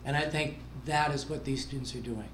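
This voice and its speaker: Presenting an award to a student at a school event, a school district official speaks with pride and enthusiasm. His voice is medium in pitch and a little fast, with a bit of hiss or hum on the recording. The room sounds echoey, with faint ambience.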